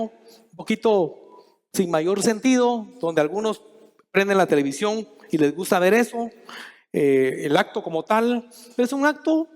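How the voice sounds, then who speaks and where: At a conference, a middle-aged Guatemalan man gives a talk in a high, light voice. He is measured, thinking aloud with pauses and restarts, and a long hall reverb colors the sound.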